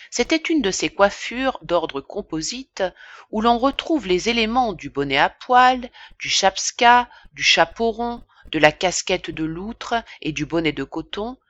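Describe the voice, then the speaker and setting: A woman narrating a classic novel as an audiobook, in a measured, expressive reading. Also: fairly low pitch, dry recording, muffled recording. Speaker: audiobook reader.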